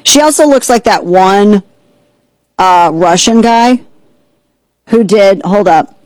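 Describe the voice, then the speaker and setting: A woman hosting an opinionated political commentary show, sarcastic and mocking, with quick asides. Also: mid-range voice, lively intonation, a little mellow, low-quality recording. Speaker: host.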